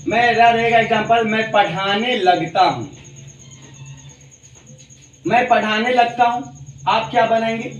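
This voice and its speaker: A high-pitched male teacher talks slowly and patiently, repeating short example sentences one after another as he drills grammar. He sounds set back from the mic, in an echoey room. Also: fairly bright tone, far from the mic, dull audio, slight background noise. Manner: addresses students fondly as dear children. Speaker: English teacher. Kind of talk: spoken grammar lesson.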